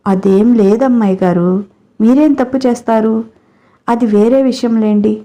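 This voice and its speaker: A woman's voice: fairly high pitch, moderate pace, warm tone, lightly acted, low-quality recording. A woman reading the part of a humble young male farmhand who speaks meekly and deferentially to his wife. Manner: meek, deferential. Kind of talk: storybook character reading.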